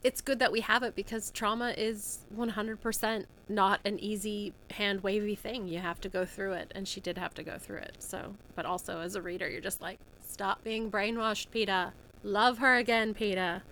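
A woman co-hosting a casual book chat, her voice croaky and congested from a cold, retelling things informally. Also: mid-range voice, fairly even intonation, normal speed, hardly any pauses, a bit bright, a little hiss or hum, rough recording. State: has a cold. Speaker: podcast co-host.

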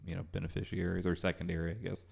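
A man's voice: sits low, monotone, rapid-fire, vocal fry, darkish tone, breathy edge. A man co-hosting a podcast in casual chat, laughing often and hedging with "you know" and "I guess". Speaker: podcast co-host.

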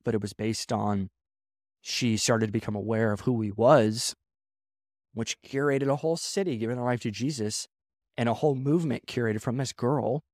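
A man's voice: medium pitch, a little mellow, no room sound, studio quality. A man speaking as a pastor, giving a casual sermon-style talk on leadership, repeating phrases and acting out quoted voices.

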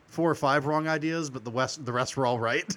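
A man co-hosting a podcast, explaining ideas at length with halting restarts. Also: mid-range voice, fairly bright tone. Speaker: podcast co-host. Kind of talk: casual chat. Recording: faint background noise.

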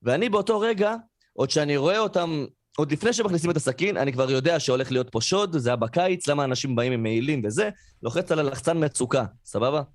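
A man's voice: on the high side, dry recording, clean studio sound. A man telling a story on a podcast. He talks casually and fills it with fillers, and he acts out the people he quotes. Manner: animated, acts out quoted voices, frequent fillers. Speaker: podcast co-host.

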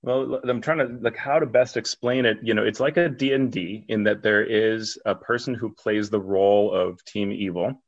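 Low-voiced man co-hosting, slightly dull recording. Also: steady tone, normal speed, few pauses. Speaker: podcast co-host. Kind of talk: casual chat.

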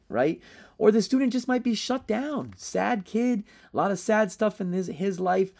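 A man teaching fellow educators in a conversational way, often checking in with "right?" and restarting his sentences. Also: sits high. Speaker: teacher training other teachers. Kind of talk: instructional talk to educators.

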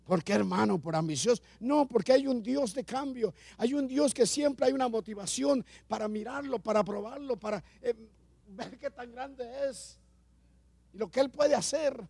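Gravelly high-voiced preaching man. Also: moderate pace, a little mellow, no room sound. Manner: preaching with repetition and rising emphasis. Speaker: pastor. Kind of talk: sermon.

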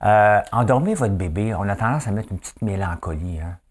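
A man's voice: lowish voice, lively intonation, brisk, husky. Chatty Quebec French man, joking host. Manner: chatty, jokey, asks the audience questions. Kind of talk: casual chat presenting trivia.

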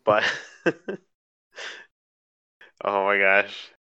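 A man's voice: fairly low pitch, flat delivery, extremely slow, sharp tone, smooth, dry recording, lo-fi sound. A man co-hosting a casual chat, teasing the others in a hesitant way with ums and laughs. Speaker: podcast co-host.

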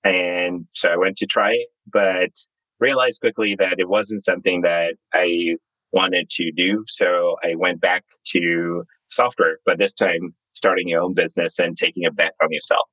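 A Zimbabwe-born man in his thirties, a startup founder, tells his life story in a candid, relaxed way. His voice is very low and recorded close and dry. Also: a little slow, no echo, low-quality recording. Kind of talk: interview guest, storytelling.

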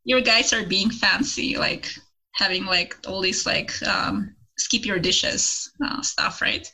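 A woman's voice: medium pitch, takes it slowly, bright, forceful tone, low-quality recording. A woman with a Russian accent, chatting casually as a guest on a podcast. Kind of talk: casual chat.

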